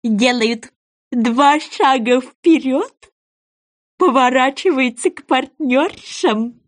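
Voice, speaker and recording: A woman voicing an excitable little male goby fish in a storybook reading, with an eager, drawn-out, sing-song delivery. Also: high voice, pitched above the performer's own voice.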